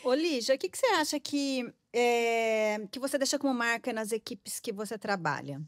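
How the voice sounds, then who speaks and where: A woman co-hosting a podcast interview, telling stories in an animated, chatty way. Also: fairly high pitch, moderate pace, dry recording, studio quality. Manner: animated storytelling. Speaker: podcast co-host. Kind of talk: casual interview chat.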